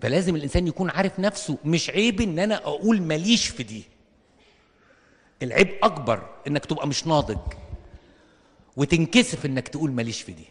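A man with an Egyptian accent preaching a lively sermon, acting out little scenes and firing rhetorical questions at his listeners. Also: a little high, fast talker, long pauses. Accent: Egyptian Arabic. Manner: animated, acts out little dialogues, rhetorical questions. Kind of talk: comic sermon to an audience. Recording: long reverb of a hall.

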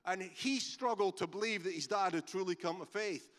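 A Scottish man leads a church service as its pastor, his voice sitting high for a man. He preaches emphatically in a conversational way, moving between stories and prayer. The sound carries the long reverberation of a large church hall. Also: normal speed, a bit bright. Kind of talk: sermon with storytelling and prayer.

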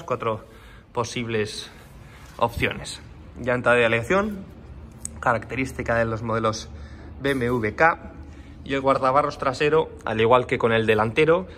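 A man's voice: medium pitch, a bit bright, a little hiss or hum. A man, a custom motorcycle builder, giving a detailed casual walkaround of a bike in an indoor workshop, filmed on a handheld phone. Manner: explanatory, detailed, pointing out parts as he goes. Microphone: handheld phone camera.

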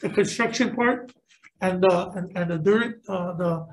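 In a government hearing room, a middle-aged state senator questions a nominee in an earnest, rambling way, repeating words as he searches for them. He speaks through a face mask into a table microphone at a measured pace, his voice sitting high, and the audio is poor.

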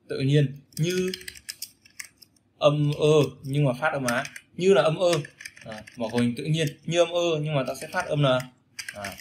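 Bright-voiced male pronunciation teacher. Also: mid-range voice, slight background noise. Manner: repeats sounds and phrases many times, demonstrating vowels. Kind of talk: casual spoken lesson.

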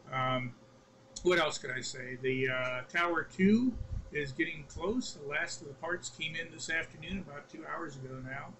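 A man's voice: a little high, normal speed, low-quality recording. Chatty man over a static-filled radio. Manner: chatty, rambling, casual. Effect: radio transmission with static. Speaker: radio net participant. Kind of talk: amateur radio check-in. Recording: radio audio with loud static.

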